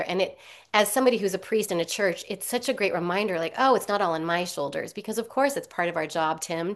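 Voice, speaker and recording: Candid reflective woman pastor. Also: mid-range voice. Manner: candid, reflective, laughs between phrases. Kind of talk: speaking on a video call discussion. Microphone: video call.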